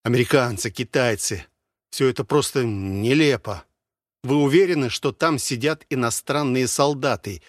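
A man's voice: mid-range voice, moderate pace, dry recording, natural voice. A bewildered young ranger in an audiobook, read by a man in nearly his own voice, puzzled and pleading as he asks for answers. The recording is dry and close.

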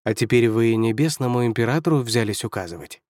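A calm heavenly emperor who speaks evenly and drawls his words, voiced by a man. The tone is dry and close. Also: mid-range voice, quick pace, no echo, close to an everyday voice. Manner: level, drawling.

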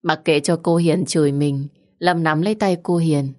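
A woman narrating a first-person story in a soft, slow, emotional way. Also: low-pitched, fairly even intonation.

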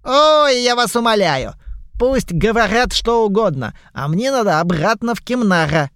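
A fussy old goblin pirate, put on by a man reading aloud, his r's burring as he haggles and exclaims. The voice sits high and carries loudly. It sounds dry and close, with no room around it. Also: expressive, unhurried, no room sound, heavily acted. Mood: wheedling.

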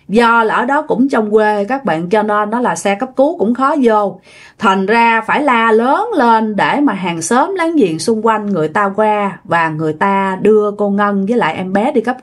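A woman telling a ghost story in a chatty way, often addressing her listeners directly. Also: mid-range voice. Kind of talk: casual ghost-story narration.

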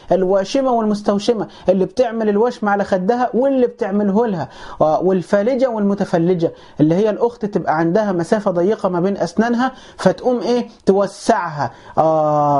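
A man with an Egyptian accent giving a Quran commentary lesson, asking questions and answering them himself and reciting verses slowly before explaining them. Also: high-pitched, warm tone. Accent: Egyptian Arabic. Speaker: Quran teacher.

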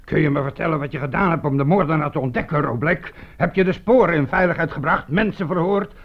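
An actor playing a spiteful, accusing informer among prisoners in a radio drama. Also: male voice, a little high, quick pace. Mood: sneering. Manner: sneering, accusing. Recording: dull lo-fi radio play recording.

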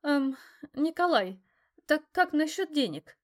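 A woman voicing a brash, hysterical young kept mistress in an audiobook, loud and scornful. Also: high-pitched, very animated, takes it slowly, pitched above the performer's own voice, full character voice. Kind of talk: audiobook character voice.

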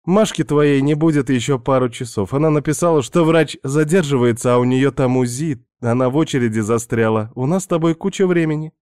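A man's voice: mid-range voice, a little fast, hardly any pauses, a little mellow, clean tone, no echo, clean studio sound, voice pushed up, close to an everyday voice. A man reading aloud and voicing a pushy young woman who teases and coaxes insistently in a raised voice. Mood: coaxing. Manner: teasing, insistent.

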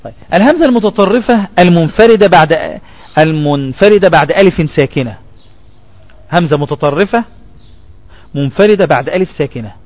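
A high-pitched man with an Egyptian Arabic accent leads a spelling lesson, putting questions to the class and echoing back their answers.

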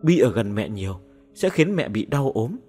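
A man voicing a gentle middle-aged Buddhist master who speaks softly and persuasively. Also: on the low side, very animated, moderate pace, husky, soft background music. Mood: coaxing.

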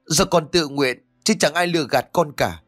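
A man's voice: medium pitch, normal speed, fairly bright tone, breathy edge, soft background music. A man doing a naive defiant young woman. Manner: pleading, then crying out defiantly.

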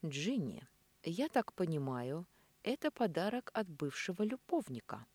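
A woman voicing a jealous male demon lover in an audiobook, speaking slowly and gruffly. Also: fairly low pitch, sing-song, darkish tone, no room sound, heavily acted. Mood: calm. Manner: slow, gruff, grumbling.

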